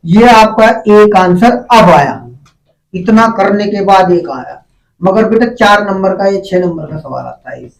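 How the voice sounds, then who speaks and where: A man's voice: high voice, measured pace, gravelly. A male math teacher giving a classroom lesson, asking the students questions and calling them "beta". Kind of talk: classroom lesson, call-and-response. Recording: echoey room, distant mic.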